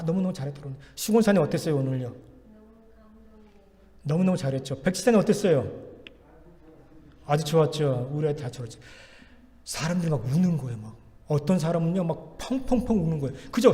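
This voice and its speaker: Korean pastor preaching in a reverberant hall. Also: male voice, a little high, mellow. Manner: emphatic preaching with repeated exhortations. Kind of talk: sermon. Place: church sanctuary.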